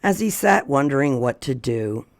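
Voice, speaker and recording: A gravelly man's voice, mid-range with lively intonation at a normal pace, comes through a dry recording. He leads a children's storytime folksily, chatting, repeating questions, speaking aloud to a companion, and reading a picture book.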